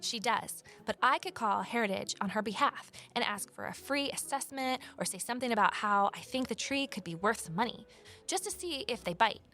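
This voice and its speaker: An actress voices a wary amateur sleuth and former journalist in a naturalistic audio drama, speaking cautiously and matter-of-factly. Her fairly high, bright voice is expressive and forceful, a little fast, with faint music in the background.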